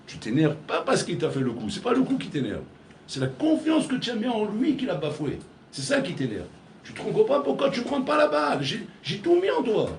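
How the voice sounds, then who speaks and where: Man, rabbi, lively sermon, words, fairly high voice, echoey room. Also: a little hiss or hum. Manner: storytelling with acted dialogue, swings between loud and hushed. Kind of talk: animated sermon. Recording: echoey room with faint ambience.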